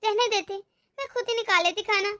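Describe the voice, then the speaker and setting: Woman voicing a sad meek cartoon girl, widowed sister, very high bright voice, teary and soft. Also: normal speed. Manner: soft, sorrowful, tearful. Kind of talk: animated cartoon voice acting.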